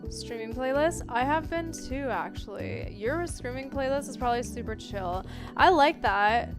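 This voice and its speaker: A woman's voice: high voice, lively intonation, normal speed, music in the background. A stoned woman streamer chatting casually to viewers in a rambling, laid-back stoner way that drifts into tangents. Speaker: livestreamer. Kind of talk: casual livestream chat with viewers.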